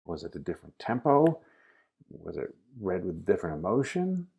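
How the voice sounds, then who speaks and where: A man's voice: sits low, very animated, normal speed, vocal fry, darkish tone, breathy edge. A man giving a casual acting lesson, coaching the listener directly through a scene. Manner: casual instructive, addresses the student directly. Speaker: acting teacher.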